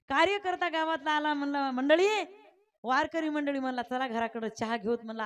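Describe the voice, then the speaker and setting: A woman kirtan preacher, telling a devotional story and acting out village characters in lively dialogue. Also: a little high.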